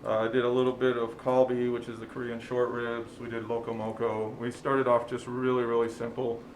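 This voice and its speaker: A friendly man from Chile who owns a restaurant, talking in a rambling way full of ums and uhs. His pitch is medium for a man, and a roomy studio echo with faint hiss surrounds him. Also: monotone, a little fast. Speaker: restaurant owner. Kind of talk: interview.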